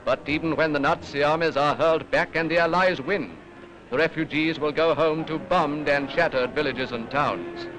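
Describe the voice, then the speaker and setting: Man, British accent, 1940s newsreel narration, raised pitch, declamatory, clear background music. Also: fairly even intonation, normal speed, fairly bright tone, low-quality recording. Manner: formal, rhetorical, declamatory delivery.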